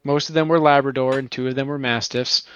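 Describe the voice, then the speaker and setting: A man's voice: mid-range voice, steady tone, fast talker, fairly bright tone, smooth, no room sound. Young Montana man telling rambling stories. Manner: rambling, profane storyteller. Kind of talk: casual chat, storytelling. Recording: slightly dull, dry sound.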